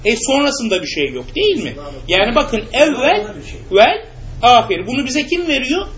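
A man's voice: extremely high pitch, big pitch swings, normal speed, a bit bright. A man teaching a religious lesson, often asking his students questions and then answering them himself. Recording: muffled recording with faint background noise.

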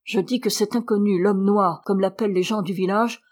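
A woman's voice: medium pitch, steady tone, normal speed, a little mellow, natural voice. A woman reading the part of a sly village man who keeps insisting and needling. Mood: insistent.

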